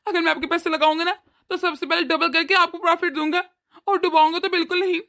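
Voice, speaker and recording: A woman's voice: extremely high pitch, fairly even intonation, fast talker, bright, forceful tone, exaggerated voice. A woman voicing an eager, grateful young adult son in a cartoon. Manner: eager, earnest. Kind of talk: cartoon voice acting.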